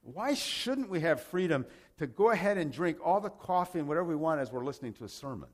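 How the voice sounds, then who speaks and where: Fast and full of big pitch swings, a man's fairly high voice drives a sermon of scripture and personal anecdotes. He is from Rome, Italy, where he grew up with American parents, and he preaches emphatically and conversationally through rhetorical questions and repeated phrases.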